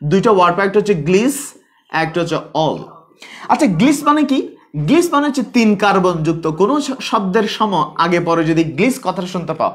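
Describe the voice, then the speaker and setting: A high-voiced man from Bangladesh leads a live online biology lesson in a relaxed, conversational way. He fires off questions only to answer them himself and keeps repeating the main ideas.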